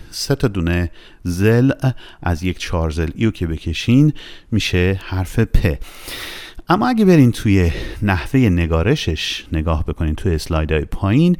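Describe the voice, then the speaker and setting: A patient male language teacher, explaining letters and sounding out example words slowly and deliberately. His voice sits very low, yet it rises and falls a great deal as he stresses points. The tone is dark and mellow. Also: no echo, clean studio sound. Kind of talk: recorded Russian lesson in Persian.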